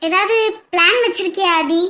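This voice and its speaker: A woman's voice: very high-pitched, normal speed, bright, forceful tone. A woman voicing every character in a cartoon family drama, switching between weepy and teasing relatives.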